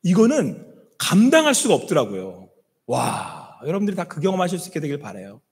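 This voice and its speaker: A middle-aged male senior pastor preaching a sermon with passion, now and then sinking to soft, hushed words. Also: fairly high pitch, wildly swooping pitch, a little fast, creaky. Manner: impassioned preaching, dropping to soft hushed quotes of God. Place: church sanctuary. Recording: long church-hall reverb.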